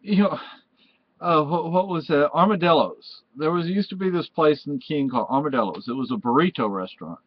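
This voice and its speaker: A Spanish-born man with Spanish as his first language, chatting to the camera as a vlog host. His voice sits a little high, and he rambles and corrects himself as he goes. The sound is dry and close, and it comes through a dull, muffled home recording. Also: animated, a little fast, husky, no echo. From Spain. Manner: rambling, meandering and self-correcting. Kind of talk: casual rambling chat to camera.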